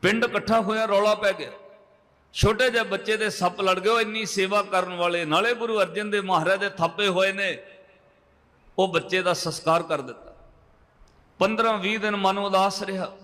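A male preacher with a high, bright voice tells a devotional story to a congregation. He slows to chant scripture lines between the narration. His voice rings out with a long reverb, as in a large hall. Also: steady tone. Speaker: Sikh preacher. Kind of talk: katha sermon storytelling.

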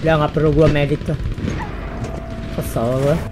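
A man giving casual gameplay commentary, shouting repeated commands and cursing at his teammates. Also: a little high, little pitch movement, normal speed, over music. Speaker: gaming YouTuber. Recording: game gunfire loud behind voice.

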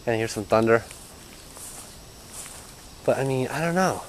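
A man's voice: mid-range voice, normal speed, low-quality recording. Young man, handheld camera, outdoors in an overgrown yard, hesitant, mutters and trails off, faint outdoor noise. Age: young adult. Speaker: urban explorer vlogger. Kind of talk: handheld exploring vlog.

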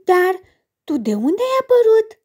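A woman's voice: extremely high pitch, sing-song, warm tone, voice pushed up. A woman voicing a fussy little girl in a children's story who refuses her food, whining and pleading. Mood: whiny. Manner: whiny, pleading. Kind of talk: storybook character voice.

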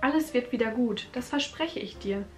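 A woman voicing a worried, gentle mother who softly coaxes her teenage daughter in a read-aloud story. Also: a little high, moderate pace, soft background music, natural voice. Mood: coaxing.

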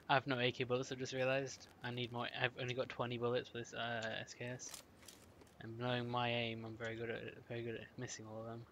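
A man talks casually over a game, muttering his thoughts as he searches for gear. His pitch sits in an ordinary middle range. A faint hiss runs under the recording. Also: monotone, fast, a bit bright. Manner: casual, mutters to himself while looting. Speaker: player.

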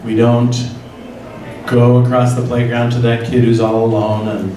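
A middle-aged man with an American Midwest accent leads a church forum, guiding listeners through a story in a slow, reflective second-person way, holding a handheld mic in a large hall. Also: mid-range voice, monotone, mellow. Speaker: priest leading a church forum. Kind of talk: guided meditation and interactive forum talk. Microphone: handheld mic, filmed from far across the room. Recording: echoey hall, distant mic, room noise.

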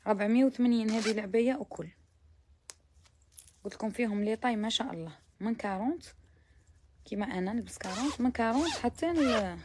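A woman's voice: medium pitch, dark tone, slight background noise. A woman with an Algerian Arabic accent showing abayas to viewers in a chatty shop walkthrough, mixing in French words and sometimes dropping to a near whisper. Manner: chatty, mixes French words, praising each garment. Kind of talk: live shopping try-on walkthrough.

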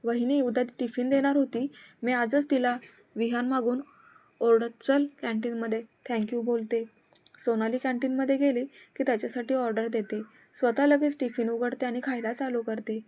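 A woman narrating a serialized love story and reading all the characters' dialogue in one steady voice. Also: fairly high pitch, normal speed.

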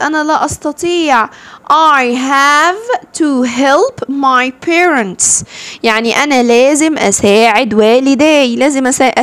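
A woman teacher with an Egyptian Arabic accent explains English phrases to second-grade pupils, saying each phrase slowly and then explaining it in Arabic. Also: on the high side. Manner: slow, drawn-out English model phrases.

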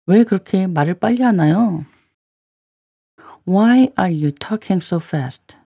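A woman teaching English. She gives quick Korean glosses, then repeats each English line slowly and carefully. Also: on the low side, lively intonation, warm tone, no echo, studio quality. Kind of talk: lesson narration translating lines into Korean.

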